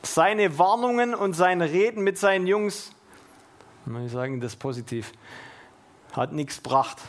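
A young man with a notably high voice talks through scripture in a loose, casual Bible study. He's slangy and keen, throwing in excited asides as he reads and explains the verses. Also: a little slow. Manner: slangy and enthusiastic, reads verses aloud with lively stresses.

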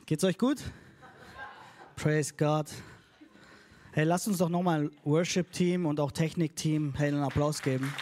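A man's voice: fairly high pitch, a little slow, long pauses, very noisy. A man preaching a casual, upbeat sermon to a congregation, tossing in English phrases and leading call and response. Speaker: pastor. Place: church hall before a congregation.

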